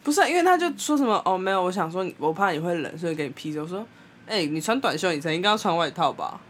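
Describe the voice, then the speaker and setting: A young Taiwanese woman with a Taiwanese Mandarin accent, co-hosting a podcast and telling a story in a blunt, animated way, laughing often. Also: fairly low pitch, racing, a little hiss or hum. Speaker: podcast co-host. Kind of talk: casual storytelling chat.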